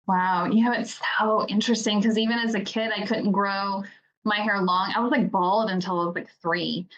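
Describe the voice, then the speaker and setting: Woman podcast host, earnest and halting, casual chat, muffled lo-fi sound. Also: mid-range voice, fairly even intonation, fairly bright tone. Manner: earnest, halting with restarts and fillers.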